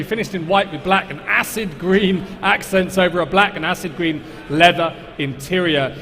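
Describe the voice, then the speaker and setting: A man's voice: high voice, a bit bright. A man announcing an auction lot, reading out a formal scripted description. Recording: echoey hall, background noise.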